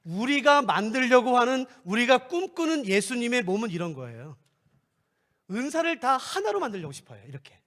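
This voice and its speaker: A middle-aged male pastor preaching a sermon in an animated, playful way, acting out little scenes. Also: extremely high pitch, normal speed. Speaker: guest pastor. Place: church sanctuary.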